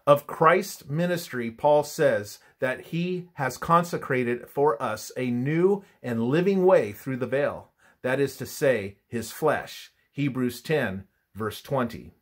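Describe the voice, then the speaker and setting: A man works through a scripted religious study with a measured, instructional delivery. His medium-pitched voice is animated, and his phrases often soften and fade at the end.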